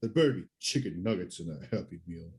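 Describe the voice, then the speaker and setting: A man's voice: low-pitched, lively intonation, quick pace, a little mellow. A man playing a big, dim, whiny henchman with a petulant, bullying manner in a sci-fi comedy spoof.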